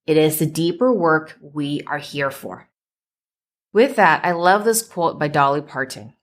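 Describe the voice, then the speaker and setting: A woman with a notably low voice hosts a solo podcast on a microphone. Measured and deliberate, she stacks her ideas into emphatic lists as she coaches her listeners. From United States. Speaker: podcast host and business coach. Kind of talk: solo motivational podcast talk.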